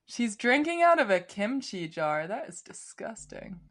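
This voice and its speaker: A woman co-hosting a podcast, chatting casually in a teasing, expressive way. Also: on the high side, measured pace. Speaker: podcast co-host.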